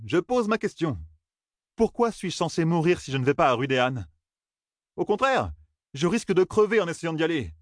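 Hot-tempered young man, pitched high and shouting curses, put on by a male reader; dry, close sound. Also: sing-song, normal speed, pauses often, no echo. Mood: exasperated. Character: angry young man, cursing and defiant.

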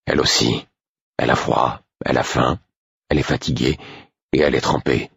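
A stern, weary man who keeps his temper in check, speaking slowly and firmly in a very deep, husky register, as the narrator puts him on. Read close to the mic in a dry, dead room. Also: fairly even intonation, no room sound, exaggerated voice. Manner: low, measured, firm. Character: stern, weary grown man, calm and firm.

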